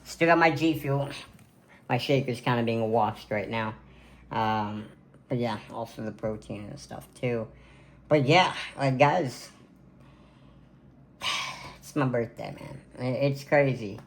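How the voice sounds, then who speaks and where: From his gaming room at home, a twenty-something man rambles through a birthday vlog to camera, packing his talk with fillers. His mid-range voice moves slowly, broken up by long pauses.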